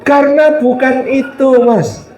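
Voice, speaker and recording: A man's voice: very high voice, steady tone, takes it slowly, mellow, some chatter behind. A male Islamic preacher giving a religious lecture, telling stories with humor and acted-out quotes. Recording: roomy hall, distant mic.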